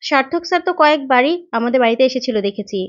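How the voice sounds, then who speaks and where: Woman reading as a prying suspicious daughter on the phone, high voice, dry dull recording. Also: fast, no echo, natural voice. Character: nosy suspicious married daughter.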